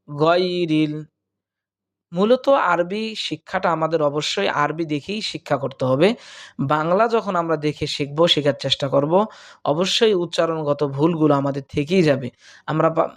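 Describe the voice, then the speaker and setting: A man teaching correct pronunciation of Quranic recitation, explaining patiently and drawing out each word slowly for practice. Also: fairly high pitch. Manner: slow, drawn-out recitation of words, repeated for practice. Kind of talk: tajweed pronunciation lesson.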